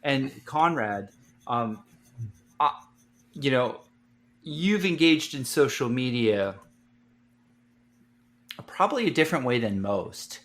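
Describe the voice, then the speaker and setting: A man's voice: medium pitch, a bit bright. A man co-hosting a podcast, rambling through a long question and swearing casually. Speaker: podcast co-host.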